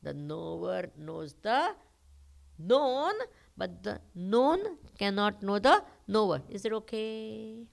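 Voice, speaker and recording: A woman's voice: mid-range voice, big pitch swings, takes it slowly, creaky, hardly any pauses. A woman with an Indian accent giving a spiritual discourse as a teacher, explaining step by step, repeating points and checking that listeners follow. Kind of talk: spiritual discourse with question and answer.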